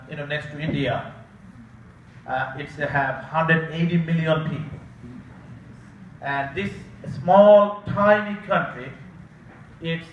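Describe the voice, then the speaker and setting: A man with a Bangladeshi accent giving a halting banquet speech, with many filler sounds. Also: sits high, a bit bright. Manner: halting, many filler uhs, informal grammar. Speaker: guest speaker, Senate candidate. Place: large event hall. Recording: echoey hall, distant dull mic.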